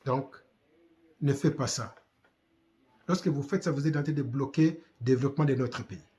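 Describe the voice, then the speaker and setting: A man's voice: medium pitch, moderate pace, warm tone. A man from Congo with a Congolese French accent, giving impassioned commentary full of rhetorical questions and repetition. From Democratic Republic of the Congo. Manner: exhorting, rhetorical questions, repeats himself.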